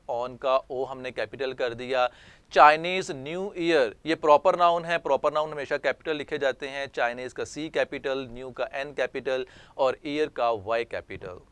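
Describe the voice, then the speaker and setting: Male tutor with a Pakistani accent, clear resonant tone, reads English lines slowly. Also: medium pitch, fairly bright tone, no room sound. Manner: explains in Urdu and reads English text slowly and deliberately. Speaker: teacher. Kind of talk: online lecture.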